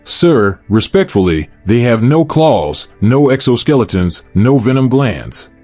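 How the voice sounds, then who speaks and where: A timid alien cadet, careful with every word, slow and hesitant in a dry, close voice, as a man acts him out. Faint music hums underneath. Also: mid-range voice, very animated, a little mellow, no echo. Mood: nervous. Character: nervous young alien cadet, male, respectful.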